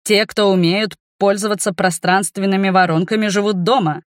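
A woman voicing a stern, easily flustered middle-aged man who heads a magic academy, talking slowly and in measured phrases. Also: mid-range voice, fairly even intonation, dry recording, clean studio sound, close to an everyday voice.

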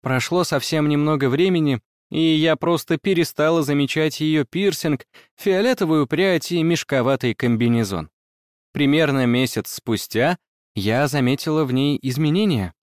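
A man narrating a first-person story in a measured, even reading. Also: fairly high pitch, dry recording, studio quality.

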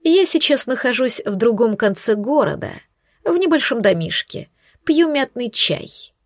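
A woman voicing a scornful, smug young female witch who mocks and threatens in slow, hissing tones, recorded dry and close. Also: a little high, big pitch swings, no echo, full character voice. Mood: sneering. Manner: mocking, hissing, drawn-out threats.

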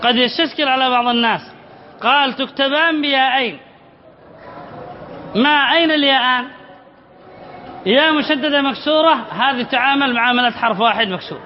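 A sheikh with a very high male voice teaches Arabic spelling in a classroom lesson. He explains by quizzing and then answering his own questions, repeating phrases slowly. The recording is slightly dull, with faint hiss in the background.

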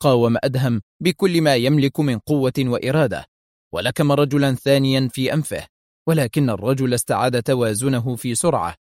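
A man narrating an audiobook in a steady storytelling manner. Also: medium pitch, a little fast, dry recording, studio quality. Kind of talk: audiobook reading of a spy novel.

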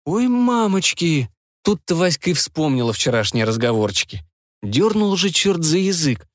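A man narrating a comic fairy tale audiobook in an expressive, wry manner. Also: fairly high pitch, moderate pace, no echo, clean studio sound.

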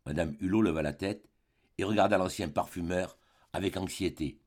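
A man narrating an audiobook of a classic novel in a measured, expressive literary reading. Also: deep voice. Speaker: audiobook reader.

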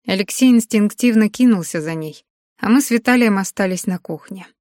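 A woman narrating a novel in the first person with a measured, expressive reading. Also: mid-range voice, dry recording, clean studio sound. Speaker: audiobook narrator.

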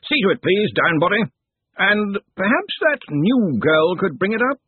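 Man doing a hearty bossy old archchancellor wizard, lively, husky, dry, phone-ish. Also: high-pitched, normal speed, dry recording, pitched above the performer's own voice, full character voice. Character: bluff, hearty elderly male head wizard. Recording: dry, tinny phone-like sound.

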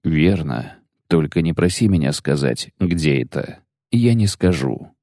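A man's voice: very deep voice, animated, measured pace, dark tone, no echo, clean studio sound, pitched below the performer's own voice, full character voice. A man reading an audiobook, voicing a guarded, weary witcher who answers curtly with few words. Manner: curt, reluctant, few words. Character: terse weary male witcher, guarded and quiet. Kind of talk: audiobook character voice.

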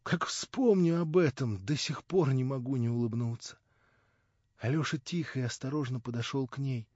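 A man reading a novel aloud as an audiobook, in measured, calm narration. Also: mid-range voice, dry recording. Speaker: audiobook reader. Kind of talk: scripted narration. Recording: dull dry lo-fi recording.

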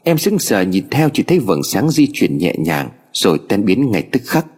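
A man narrating a ghost story in an expressive, dramatic reading style. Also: lowish voice, moderate pace, husky, in a large hall.

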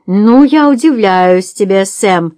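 Cynical smooth swindler guy, read by a woman, slow coaxing drawl, dry close sound. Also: mid-range voice, expressive, a little mellow, no room sound. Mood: mocking. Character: cool cynical male swindler, smooth talker.

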